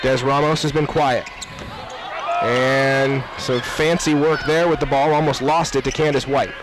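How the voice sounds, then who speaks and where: A young play-by-play announcer calls a basketball game courtside in short, clipped running phrases, getting louder on big plays. His mid-range voice is steady and a little slow, set against a noisy gym full of crowd sound and bouncing balls.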